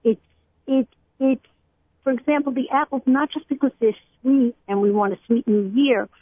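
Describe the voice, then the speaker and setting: A middle-aged woman from Brooklyn, a cookbook author explaining food customs at length with many pauses and fillers, calling in to a radio interview. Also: high-pitched, breathy edge, no room sound. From Brooklyn, USA. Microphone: telephone. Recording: tinny phone line, dry.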